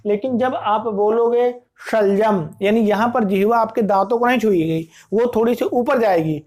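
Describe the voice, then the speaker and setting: Male teacher for an online exam-prep lecture. Poses rhetorical questions and answers them himself, and sounds out examples slowly and with care. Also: high voice. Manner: asks and answers his own questions; repeats words slowly to show how they sound.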